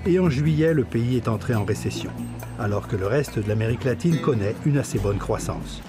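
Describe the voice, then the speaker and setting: A man giving a news report in a brisk, factual way. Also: mid-range voice, lively intonation. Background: music.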